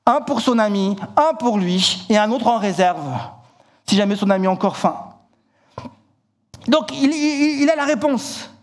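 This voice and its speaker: Man, high voice, sermon in church, animated storytelling, frequent restarts. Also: unhurried, long pauses. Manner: animated storytelling, acts out shouted lines; repeats words, stumbles and restarts. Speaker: preacher.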